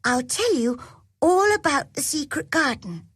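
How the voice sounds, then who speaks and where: A woman's voice: sits high, lively intonation, measured pace, a bit bright, no echo, voice pushed up. A woman voicing a blunt, curious young girl in a storybook reading. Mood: storytelling.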